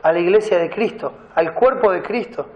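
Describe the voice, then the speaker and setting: A pastor delivers his sermon in a high voice, reading Bible verses and unpacking the words. The sound rings around a reverberant church hall. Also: normal speed, highs cut off. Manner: preaching, reads scripture aloud and explains Greek words.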